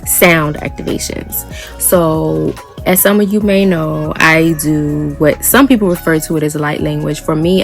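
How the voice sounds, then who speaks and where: Low, gravelly-voiced woman vlogging softly. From United States. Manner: soft-spoken, meandering, frequent fillers and light laughs. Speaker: spiritual practitioner and reverend. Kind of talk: casual reflective vlog monologue.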